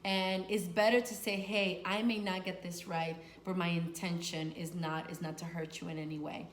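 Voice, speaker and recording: This lower-pitched woman talks at a normal speed, her pitch barely moving. Of Dominican background and brought up in New York, she works as a sex and life coach and hosts videos, speaking earnestly and casually to camera with emphasis on important words. Faint noise and echo fill the room.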